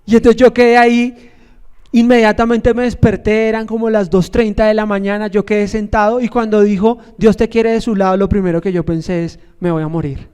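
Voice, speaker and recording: A man's voice: high voice, level tone, fairly quick, a little mellow, clear, resonant tone. A man, a pastor, preaching a sermon in a conversational storytelling way, joking and asking the congregation questions.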